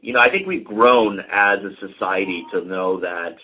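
On a tinny, phone-like recording, a middle-aged Canadian real estate executive chats as an interview guest. His low, slightly rough voice keeps a moderate pace, and he's relaxed throughout, using many ums and uhs in the casual conversation.

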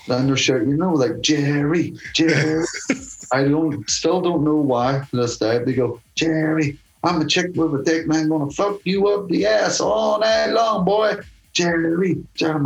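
A middle-aged man with a low voice tells a rowdy story as an interview guest. He swears freely and chuckles his way through it, with faint music underneath. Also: low-quality recording. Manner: profane, laughing storyteller. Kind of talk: casual anecdote telling.

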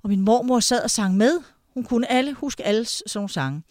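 A woman's voice: on the high side, lively intonation, a little mellow, no room sound, clean studio sound. A woman telling a personal family anecdote in a casual, hesitant way, with fillers between phrases. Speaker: storyteller. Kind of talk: personal anecdote told aloud.

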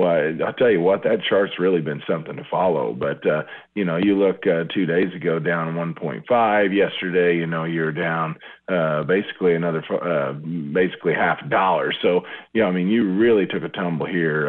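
A man with a deep, slightly husky voice talks over a thin, tinny phone line. He answers questions casually and keeps dropping in fillers and small restarts as he thinks aloud. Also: moderate pace. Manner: conversational, many fillers and restarts. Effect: speaking over the phone. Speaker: agricultural market analyst. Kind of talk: radio interview answers.

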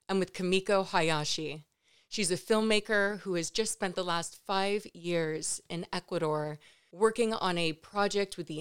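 Woman podcast host, kinda low smooth voice, enthusiastic and gushing, clean sound. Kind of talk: podcast introduction and interviewing.

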